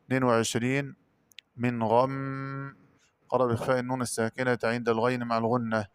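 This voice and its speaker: A man giving a Quran recitation lesson, explaining variant readings quickly and then chanting the words slowly and drawn out. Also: mid-range voice, little pitch movement, smooth, no echo. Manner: brisk spoken explanations alternating with slow, drawn-out chanted words.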